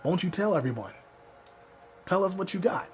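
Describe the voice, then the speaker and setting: A man's voice: sits high, animated, moderate pace, slight background noise. A man giving ranting reaction commentary, scolding and exasperated.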